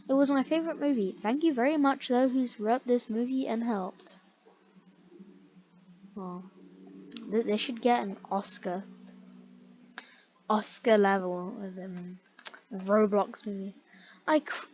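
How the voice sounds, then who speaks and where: A woman casually reading comments aloud and reacting with laughter and disbelieving questions. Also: fairly high pitch. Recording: dull lo-fi mic, faint background hiss.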